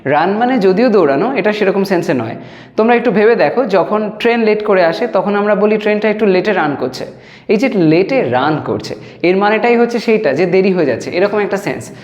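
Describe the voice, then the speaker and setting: A man teaching a spoken English lesson, patiently explaining and repeating phrases slowly word by word. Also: high voice, animated, a little mellow, dull audio. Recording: echoey room with long reverb.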